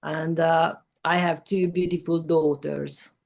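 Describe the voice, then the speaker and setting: A woman speaks careful, simple English as an interview guest. Her voice has a gravelly, creaky texture. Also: low voice, fairly even intonation, takes it slowly, darkish tone, highs cut off. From former Yugoslavia. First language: Hungarian. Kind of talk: personal testimony in an interview.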